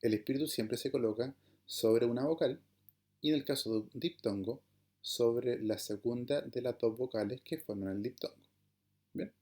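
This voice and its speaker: A man teaching an online class in a dark, mellow voice at a middling pitch. His comes through as he explains each point step by step. He keeps checking that his listeners follow him. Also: moderate pace. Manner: patient, explanatory, checks understanding with "¿verdad?" and "¿bien?". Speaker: Greek teacher.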